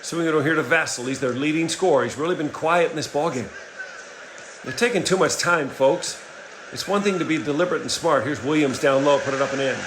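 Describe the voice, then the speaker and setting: A middle-aged man calling a basketball game play by play, energetic and rising in excitement on big plays. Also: fairly high pitch, fairly quick, slight background noise. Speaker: play-by-play commentator. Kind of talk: play-by-play sports commentary. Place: home setup, voice-over for a replayed game.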